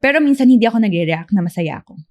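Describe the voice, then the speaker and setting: A young woman in her twenties from the Philippines, co-hosting a podcast in casual chat, soft-spoken and hesitant. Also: mid-range voice, expressive, racing. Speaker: podcast co-host.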